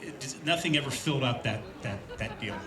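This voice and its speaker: A man's voice: medium pitch, animated, a little fast, music in the background. Earnest man from Indiana in an echoey hall. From Indiana, USA. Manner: earnest, reflective, with many fillers. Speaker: speaker sharing a recovery testimony. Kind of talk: personal testimony at a church event. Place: large room at a church event with an audience. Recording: roomy hall with audience noise.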